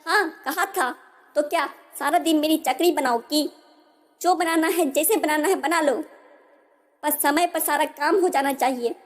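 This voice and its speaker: A woman's voice: high voice, measured pace. A woman voicing a bossy, commanding middle-aged mother-in-law in a storybook tale. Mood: exasperated. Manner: commanding, scolding. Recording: long hall reverb.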